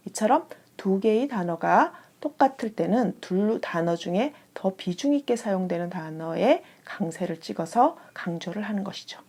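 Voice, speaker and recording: A young woman gives an online Spanish lesson in a calm, clear way. Her voice is dark and mellow, with a gravelly, slightly husky edge. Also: medium pitch, normal speed, few pauses. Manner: calm, clear explanatory delivery. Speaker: Spanish teacher. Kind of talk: scripted online language lesson.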